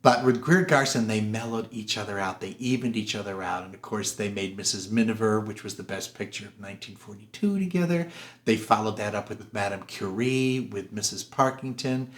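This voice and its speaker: A man hosting a casual film review show, animated and gossipy, sometimes putting on voices for quotes. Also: fairly low pitch, fairly quick. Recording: roomy echoey room.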